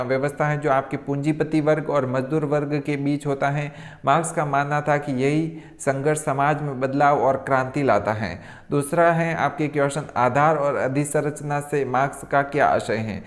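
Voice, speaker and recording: A male tutor giving an exam revision lecture. He reads out questions and answers them, and keeps slipping in the same stock filler phrase mid-sentence. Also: mid-range voice.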